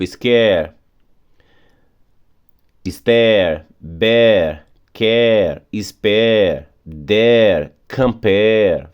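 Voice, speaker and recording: A male teacher with a fairly low voice explains spelling rules at an unhurried, patient pace. He repeats each example and stretches out the key words. Portuguese is his first language. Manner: patient, repetitive, drawing out key words slowly. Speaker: English teacher. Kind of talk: phonics lesson explanation.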